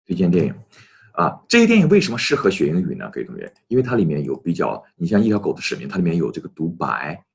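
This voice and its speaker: A man teaching an English lesson, often addressing his students and slowly repeating English phrases for them to copy. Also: sits low, huge pitch swings, gravelly, a little mellow, slightly rough.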